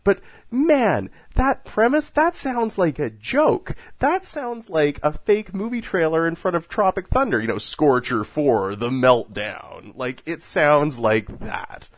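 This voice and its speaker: A man hosts a casual movie podcast in a lively, animated voice that swings widely in pitch. He jokes and laughs often between points. The sound is dry and close. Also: unhurried, hardly any pauses, no echo. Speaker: podcast host. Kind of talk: casual film podcast chat.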